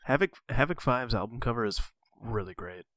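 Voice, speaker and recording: A man's voice: medium pitch, animated, fairly quick, fairly bright tone, no echo. A man co-hosting a podcast in casual chat, loose and jokey, swearing freely. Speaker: podcast co-host.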